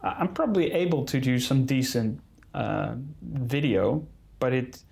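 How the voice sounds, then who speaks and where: A man's voice: mid-range voice, a little slow, creaky, a little mellow. A man who is not a native English speaker, answering interview questions in careful English and searching for words. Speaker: conservation photographer being interviewed.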